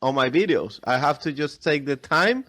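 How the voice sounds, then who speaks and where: Higher-voiced man, non-native English speaker. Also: lively intonation, moderate pace, sharp tone. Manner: non-native English with repeated words and restarts. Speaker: podcast guest, airsoft video creator. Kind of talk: casual interview chat.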